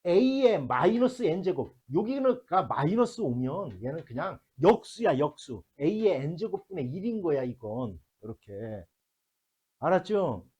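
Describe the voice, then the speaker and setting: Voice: medium pitch, very animated, slow pace, darkish tone, slightly rough. A math teacher lecturing a classroom, working through problems step by step and constantly checking whether the students follow, mixing blunt casual talk with polite endings.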